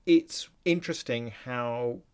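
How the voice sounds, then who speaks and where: A man's voice: mid-range voice, slow pace, darkish tone, clear, resonant tone. A man hosting a podcast, talking through a film in an analytical, musing way with frequent restarts. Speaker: podcast host. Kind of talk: casual film discussion.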